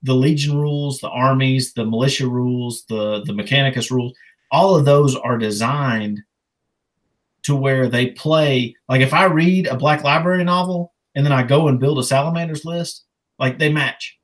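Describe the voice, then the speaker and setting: A man's voice: mid-range voice, moderate pace, poor audio. Enthusiastic, rambling man on a podcast. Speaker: podcast co-host. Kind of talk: casual podcast chat.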